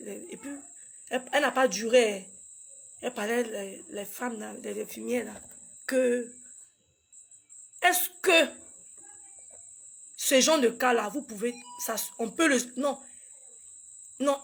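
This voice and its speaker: A woman with a high voice and a gravelly, fry-laden edge recounts a painful family story. She speaks haltingly, repeats herself and acts out the dialogue of the people involved. Her delivery is raw, personal storytelling. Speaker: grieving mother recounting a loss.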